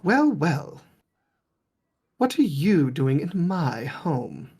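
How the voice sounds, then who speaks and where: A man's voice: a little high, big pitch swings, drawn-out words, a little mellow, breathy edge, exaggerated voice. A man putting on a haughty noblewoman. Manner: prim and dismissive. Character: haughty noblewoman, lady of a manor.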